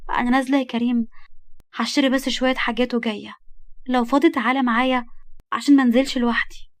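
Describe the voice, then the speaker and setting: Brief: hurt young wife, voiced by a woman storyteller, Egyptian accent, timid and pleading, quick. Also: a little high, fairly even intonation, dry recording, close to an everyday voice. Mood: gentle. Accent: Egyptian Arabic.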